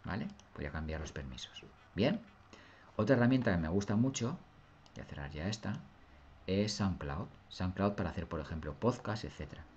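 Male teacher, low voice, patient step-by-step explainer on a dull lo-fi mic. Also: lively intonation, moderate pace, a little mellow, a little hiss or hum. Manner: patient, step-by-step, often asks "¿lo veis?". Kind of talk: screen-recorded software tutorial.

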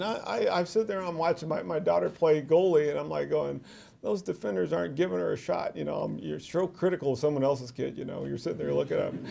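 Man, middle-aged, high pitched, gravelly voice, self-deprecating joking, repeats words, award reception speech. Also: a little mellow. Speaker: award speaker. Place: reception hall with audience.

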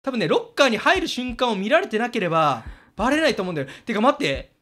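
A man commentating a horror game, excitable, talking to himself, often shouting and laughing. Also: extremely high pitch, quick pace.

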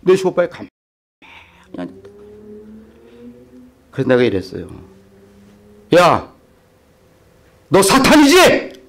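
A man's voice: medium pitch, a little slow, pauses often. A middle-aged male pastor telling a story in a sermon, acting out the voices in it and putting questions to the congregation. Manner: animated, acts out quoted voices, asks the congregation questions.

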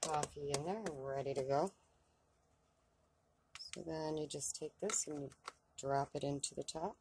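A woman's voice: deep voice, measured pace, background noise. A woman chatting casually in a how-to vlog from inside her van, with frequent ums and a self-deprecating manner. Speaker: van-life vlogger. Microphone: camera on a tripod.

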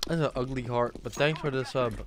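A man's voice: mid-range voice, steady tone, a little fast. A young man groggy from anesthesia after dental surgery, casually commenting on a game he is playing and joking with teammates. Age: young adult. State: groggy from anesthesia after wisdom teeth removal. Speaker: game streamer. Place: small room at home. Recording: clear gunfire and clicking noise behind.

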